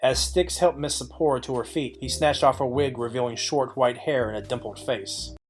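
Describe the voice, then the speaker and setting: In a mystery audio play, a man with a medium-pitched, natural voice plays a cool, clever noir private eye. He narrates deliberately, laying out details with confidence and wry wit.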